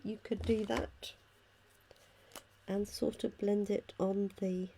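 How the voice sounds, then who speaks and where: Female craft demonstrator, croaky and hoarse, soft dark tone, casual step-by-step chat, faint background noise. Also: medium pitch, little pitch movement, slow pace. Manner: chatty, talking through each step while working. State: hoarse from illness. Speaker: craft demonstrator hosting a live stream. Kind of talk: casual live craft tutorial. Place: at a craft table indoors.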